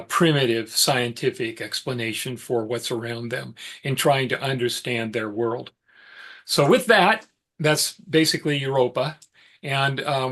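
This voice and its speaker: A middle-aged man teaching a mythology class, telling the story in a relaxed, conversational way with fillers and side remarks. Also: mid-range voice. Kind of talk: informal lecture storytelling.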